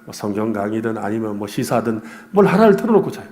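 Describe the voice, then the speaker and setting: A man's voice: fairly low pitch, sing-song, fast talker, a little mellow. A middle-aged man, a pastor, preaching an earnest, confessional sermon with personal stories.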